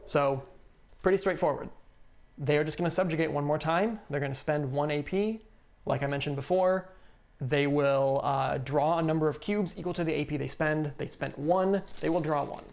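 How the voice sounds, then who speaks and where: A man's voice: a little high, normal speed, gravelly, darkish tone, slight background noise. A man streaming live from home, explaining a solo board game in an easygoing way and thinking aloud with lots of fillers. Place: home room.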